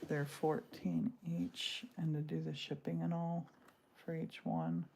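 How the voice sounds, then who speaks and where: Rambling and often interrupting herself, a woman in her sixties chats casually while crafting on a livestream from her home studio, using the device mic. Her deep, warm voice moves slowly with big pitch swings, and there is a little hiss or hum.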